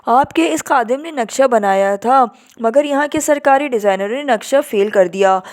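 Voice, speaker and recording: Woman voicing a polite young guy, smiles while he talks, kinda smooth, on the high side. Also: darkish tone, close to an everyday voice. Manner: polite, smiling, smooth-talking. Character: young male spy posing as a secretary, smooth and polite.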